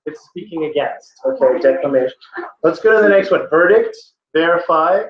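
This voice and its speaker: A man's voice: fairly high pitch, expressive, moderate pace, a crowd in the background. A man teaching an online test-prep class, playfully quizzing his students on word roots. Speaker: tutor. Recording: echoey, dull lo-fi sound.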